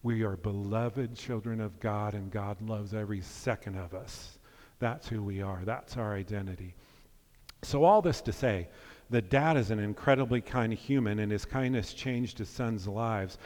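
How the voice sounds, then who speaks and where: A man's voice: fairly low pitch, normal speed, darkish tone. A man as a pastor, preaching a sermon in an earnest, conversational way with playful asides, in a church sanctuary. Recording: long hall reverb.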